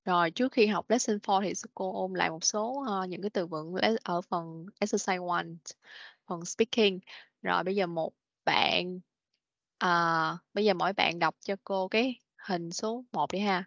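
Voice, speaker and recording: Her voice is on the low side with vocal fry, heard on a dry recording. She's a woman teaching children English online, patiently correcting pronunciation, repeating words slowly, and saying "rồi, ok" often. The clip is a dull, lo-fi video call meeting recording.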